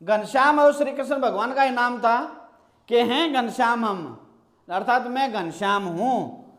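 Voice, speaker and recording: High-voiced, slow-speaking male teacher. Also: fairly bright tone. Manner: recites verse examples slowly, then explains them line by line. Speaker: Hindi grammar teacher. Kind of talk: explanatory lesson.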